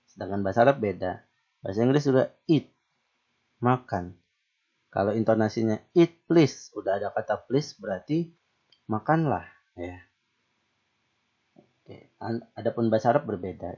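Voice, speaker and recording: A man talks through a grammar lesson in a low, mellow voice, easygoing and conversational. He often stops to ask rhetorical questions and fill pauses. The sound is a bit dull and lo-fi. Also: husky. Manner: relaxed, chatty, with fillers and rhetorical questions. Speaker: Arabic grammar teacher. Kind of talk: casual online lesson.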